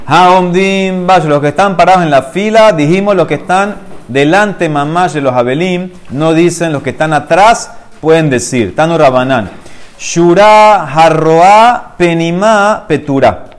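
A man's voice: a little high, unhurried. A man teaching a Talmud class, reading each phrase of the text and then explaining it, and speaking directly to his listeners with emphasis.

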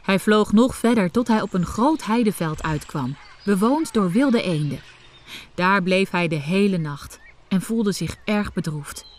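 A woman telling a fairy tale in scripted storybook narration, expressive, with dramatic jumps in pitch. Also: a little slow.

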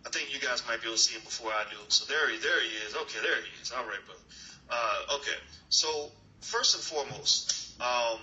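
A man's voice: mid-range voice, a little fast, bright, forceful tone, highs cut off. Earnest man hosting an online class. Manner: earnest, rambling with many fillers. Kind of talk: motivational talk and interview. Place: new location, dim room. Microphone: video call.

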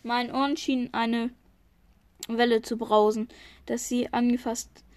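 A woman with a fairly high voice reads a novel chapter aloud. She trips over words often and starts them again. The recording is dry and close. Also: level tone, a little slow, a little mellow, no room sound. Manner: stumbles and restarts often. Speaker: reader.

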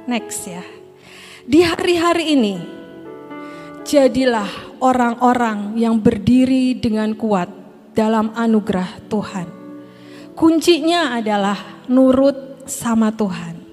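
A woman's voice: a little high, animated, slow pace, long pauses, a little mellow. A middle-aged woman pastor giving a conversational sermon, telling a personal story and often addressing the congregation directly. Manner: conversational preaching, often addressing listeners as brothers and sisters. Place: church hall. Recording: long hall reverb, music behind.

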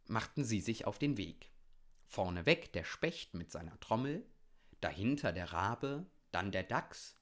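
A man reads a children's story aloud in a calm, gentle manner. His voice is fairly low and he takes an unhurried, slow pace.

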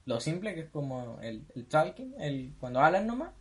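A man's voice: a little high, big pitch swings, normal speed. A young man with a Chilean accent hosting a casual podcast chat, slangy and often laughing as he talks over his co-hosts. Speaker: podcast host.

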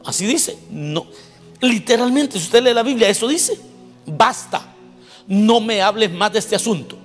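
A man's voice: extremely high pitch, a bit bright. A man preaching a sermon in an emphatic way, asking his congregation questions as he goes. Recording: long hall reverb with faint music.

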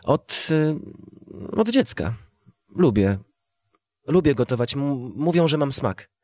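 A man's voice: mid-range voice, expressive, slow, a little mellow, no room sound, pitched above the performer's own voice. A man putting on a brash, teasing young woman.

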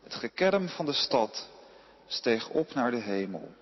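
A man reading a Bible passage aloud at a steady pace, now and then correcting a slipped word. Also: mid-range voice, a little slow, breathy edge, big-room sound, highs cut off. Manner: steady reading with occasional slips and self-corrections. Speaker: scripture reader.

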